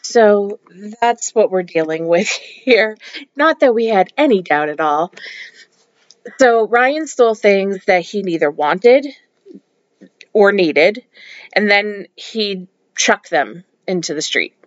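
A woman's voice: medium pitch, animated, slow, no room sound, highs cut off. A woman hosting a true-crime podcast, telling the story in a casual, opinionated way with frequent ums. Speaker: podcast host.

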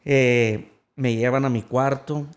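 A man's voice: mid-range voice, fairly even intonation, slow, clean tone. A man, an interview guest earnestly retelling a personal story and quoting the voices of others.

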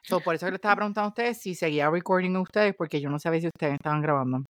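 A woman's voice: fairly low pitch, rapid-fire, no echo, studio quality. A woman podcast host with a Puerto Rican accent chats casually in Spanglish, dropping English words into Spanish.

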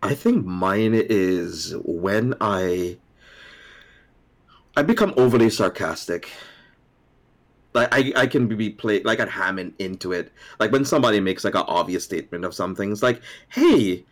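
A man's voice: on the low side, moderate pace. A man co-hosting a podcast about a card game, talking casually with frequent fillers and restarts, and slipping into mock-sarcastic asides. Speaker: podcast co-host. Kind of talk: casual chat.

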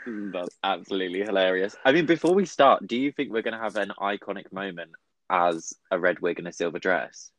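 A man's voice: low-pitched, fairly quick, a bit bright, no echo, low-quality recording. A man hosting a casual chat, laughing often and poking fun at himself. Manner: chatty, laughing, self-deprecating. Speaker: podcast host.

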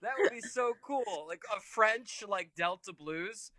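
A man hosting a casual interview, asking quick questions with enthusiastic reactions. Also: high voice, expressive, bright, forceful tone, no room sound. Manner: upbeat, enthusiastic rapid-fire questions. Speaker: podcast host.

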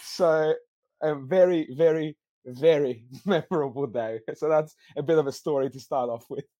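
A young man from Greece, a guest on a football podcast, telling a story in a lively, laughing way. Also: a little high, normal speed, dry recording. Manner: animated, laughs through his story. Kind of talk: casual storytelling chat.

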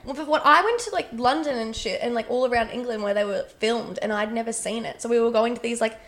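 Giggly high-voiced woman. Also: quick pace, a bit bright. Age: 20s. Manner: giggly, teasing. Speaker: podcast co-host. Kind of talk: casual chat. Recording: noisy recording with clicks.

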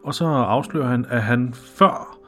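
A man's voice: medium pitch, sharp tone, faint music behind. A man in casual podcast chat, recapping a TV episode, swearing casually and acting out the characters' lines. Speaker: podcast co-host.

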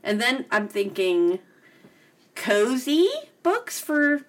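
A woman co-hosting a casual book-club podcast, speaking in a slightly higher register. She chats loosely, teases her co-host and laughs often. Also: sing-song, takes it slowly, crowd noise. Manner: chatty, laughs often, playful complaints. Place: home room full of books.

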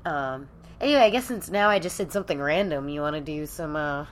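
A woman's voice: sits low, brisk. Blunt, foul-mouthed female podcast co-host. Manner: blunt, swears freely, says dude. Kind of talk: casual chat.

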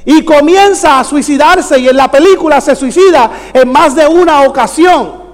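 A male preacher with a very high-pitched voice delivers a sermon at a moderate pace in a hall with long reverb. He exhorts the congregation, repeats key phrases for emphasis, and keeps prompting them with questions.

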